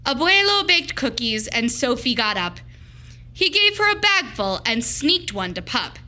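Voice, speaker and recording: Reading to a group of children, a woman teacher brings a picture book to life with deliberate, emphatic and expressive delivery, her voice pitched fairly high.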